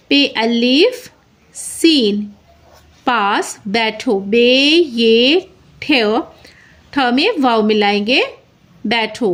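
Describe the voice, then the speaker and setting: A woman teaching handwriting, dictating a story word by word and naming each letter as she writes it. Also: fairly high pitch. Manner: spells each word letter by letter, then repeats it. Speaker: Urdu writing teacher. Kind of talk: slow dictation lesson, spelling out letters.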